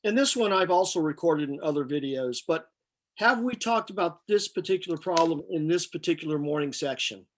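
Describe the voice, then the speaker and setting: A man giving a lecture, working through problems step by step in a halting, matter-of-fact, flat delivery as he thinks aloud. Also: fairly high pitch. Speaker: chemistry lecturer.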